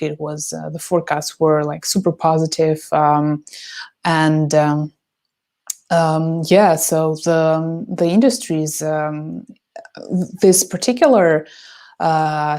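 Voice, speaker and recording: Woman, business developer, hesitant with fillers, low-pitched. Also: dark tone. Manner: halting, many fillers and restarts. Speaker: podcast app business developer. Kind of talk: interview answers.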